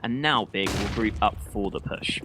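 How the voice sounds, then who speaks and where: A man's voice: fairly low pitch, normal speed. A man working as an esports caster, giving analytical commentary on a live match and explaining tactics with his own opinions. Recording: clear background noise with clicks.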